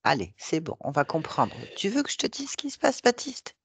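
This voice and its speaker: A woman hypnotherapist guiding a hypnosis session, coaxing and reassuring with gentle repetition. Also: sits low, wildly swooping pitch, fairly quick, breathy edge, dry recording.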